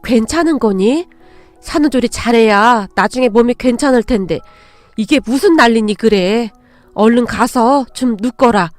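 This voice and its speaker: A woman's voice: a little high, normal speed, no echo, soft background music, close to an everyday voice. A woman voicing a stern but loving older mother-in-law, firm with intruders and tender with her daughter-in-law.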